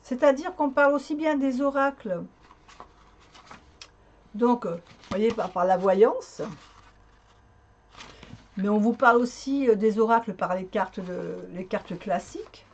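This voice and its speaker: A woman's voice: on the high side, a little slow, pauses often. A woman vlogger chatting casually to her viewers, with lots of hesitant fillers and restarts. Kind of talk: casual chat.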